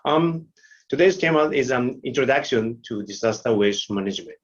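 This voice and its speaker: A man, giving an online lecture with slides, halting and full of fillers. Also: medium pitch, animated. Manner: halting, many fillers and restarts. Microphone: video call. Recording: muffled video call audio.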